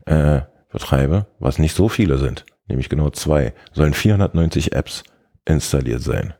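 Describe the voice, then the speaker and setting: A man's voice: very deep voice, animated, normal speed, warm tone. A man co-hosting a casual tech podcast, explaining step by step with many hesitations and fillers. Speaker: podcast co-host.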